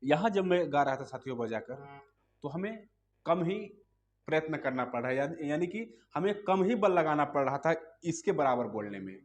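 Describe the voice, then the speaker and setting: A man teaching a music lesson, explaining patiently step by step and asking listeners to hum along. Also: on the high side.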